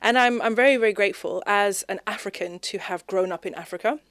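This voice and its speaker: This fast-talking woman from Zimbabwe is a guest on a podcast, speaking expressively in a conversational interview with no echo. Her pace quickens and her pitch climbs whenever she becomes animated.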